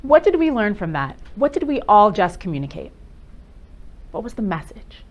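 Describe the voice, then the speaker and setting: A woman presenting a live workshop, speaking directly and quizzing the audience with quick questions. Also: medium pitch, sing-song, highs cut off, slight background noise. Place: meeting room with a live audience.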